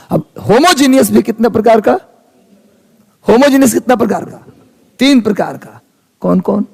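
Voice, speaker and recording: A man's voice: sits high, creaky, a little mellow, breathy edge. A man, teaching a live class in a casual chatty way and teasing his students. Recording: long reverb of a hall.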